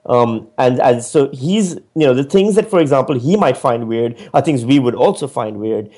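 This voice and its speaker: A man from Pakistan, an author and stand-up comedian, talking through his ideas in a casual interview, reflective and animated with frequent restarts. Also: mid-range voice, moderate pace.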